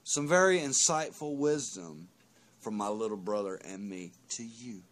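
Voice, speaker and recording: A man's voice: lowish voice, lively intonation, a little slow. A man speaking as a drunken host, in casual and profane banter. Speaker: host introducing his brother's rant.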